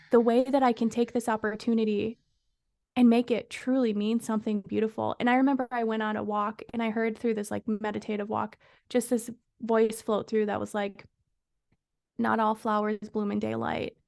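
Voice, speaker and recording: A woman guest on a podcast, candidly telling a personal story in an expressive, somewhat profane way. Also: a little high, moderate pace, creaky, dry recording, studio quality. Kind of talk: casual storytelling.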